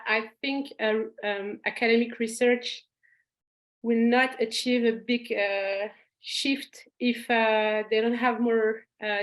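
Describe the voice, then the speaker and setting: A woman joining an online discussion over a video call, speaking hesitantly with many pauses. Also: mid-range voice. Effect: heard over a video call. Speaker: citizen participant.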